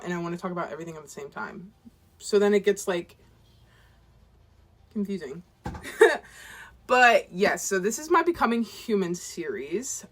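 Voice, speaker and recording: Lively bright young woman rambling vlog-style. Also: mid-range voice, breathy edge. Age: 20s. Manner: rambling, self-deprecating, chatty. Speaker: author and vlogger.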